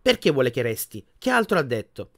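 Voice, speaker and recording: A man's voice: medium pitch, big pitch swings, a little fast, vocal fry, a bit bright, heavily acted. A man voicing an angry, impatient teenage boy wizard in an audiobook, speaking in short, clipped bursts. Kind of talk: audiobook character voice.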